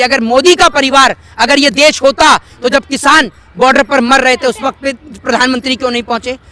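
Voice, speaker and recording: A young man with a strikingly high, bright voice argues fiercely in a street interview. He presses rhetorical questions one after another and repeats them to drive the point home. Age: young adult. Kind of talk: heated political street interview.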